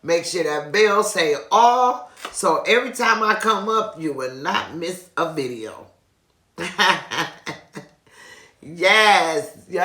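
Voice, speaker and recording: A video host talks to viewers in a casual, gushing way, frequently repeating phrases. The voice is mid-range, bright and pushed, and the room has an echo.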